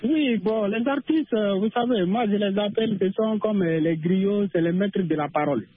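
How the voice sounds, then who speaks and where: A man's voice: high-pitched, normal speed, slightly rough. A man with a Senegalese French accent calling in to a radio show over a phone line, earnest and repeating words when stuck.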